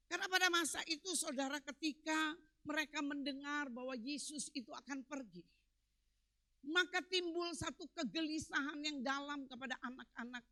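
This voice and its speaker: A woman pastor preaching a sermon with emphatic delivery, swinging between loud peaks and quiet, low drops. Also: dry recording.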